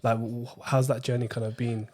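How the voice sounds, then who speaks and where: A man's voice: mid-range voice, level tone, normal speed, darkish tone. A man hosting a podcast, asking long, rambling questions full of fillers. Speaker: podcast host. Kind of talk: casual interview chat.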